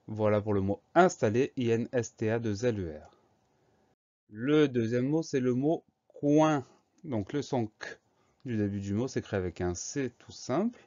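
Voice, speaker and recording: A man teaching spelling who speaks in a low, mellow voice. He goes through each word slowly and methodically, letter by letter. The recording sounds slightly dull and lo-fi. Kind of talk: dictation spelling lesson.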